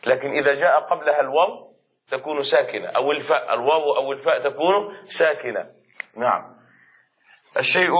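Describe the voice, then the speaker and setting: A man teaches a class in a fairly high-set voice. He explains slowly, repeats key terms and checks with the students as he goes. The recording is dull and lo-fi. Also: a bit bright. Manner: asks students questions as he goes. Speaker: Arabic grammar teacher. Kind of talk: classroom lesson.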